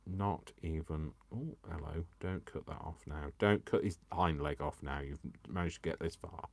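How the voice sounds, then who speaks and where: With a rumbling low voice and a moderate pace, a Coventry-born man demonstrates crafts live, chatting away and mocking himself as he talks to viewers and to himself. His English Coventry accent has softened after years in Yorkshire, and the recording has no echo.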